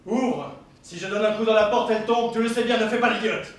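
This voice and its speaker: A young escaped killer, acted by a man, high-pitched, threatening and then softly wheedling. The voice rings through a very echoey hall, heard from a distance with some noise. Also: brisk, natural voice. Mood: menacing. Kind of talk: stage play performance. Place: theatre stage.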